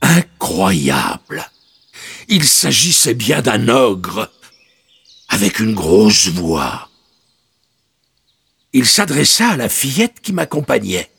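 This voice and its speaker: A man narrating a children's story in an expressive way, with incredulous asides. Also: mid-range voice, slow, gravelly, long pauses, husky.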